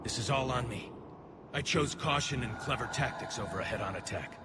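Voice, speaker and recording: A man voices a young alien military officer in a sci-fi game, dutiful and weighed down, speaking formally and earnestly in a defeated, regretful mood. His mid-range, near-everyday voice moves a little fast over loud vehicle and battlefield noise.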